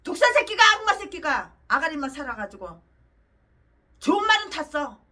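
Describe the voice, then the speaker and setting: A woman pastor delivers a fiery sermon in an angry, scornful rant full of crude insults. Her voice is high and bright, with a sharp, piercing edge. She sounds set back from the microphone. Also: sing-song, normal speed, far from the mic. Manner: angry, scornful, profane ranting.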